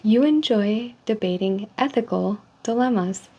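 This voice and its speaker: Soft-spoken woman, mellow customer service voice. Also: medium pitch. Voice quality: soft, hushed. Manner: polite, measured customer service manner. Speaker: ASMR role-player as call center agent giving a personality survey. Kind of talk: soft-spoken ASMR role-play, reading survey statements. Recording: dull lo-fi sound with faint noise.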